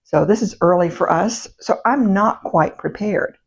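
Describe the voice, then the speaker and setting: A woman chatting casually to her camera as a vlog host, her voice still a little rough in the morning, meandering with fillers and self-corrections. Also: mid-range voice, measured pace. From United States. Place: home, indoors. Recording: dull, muffled sound.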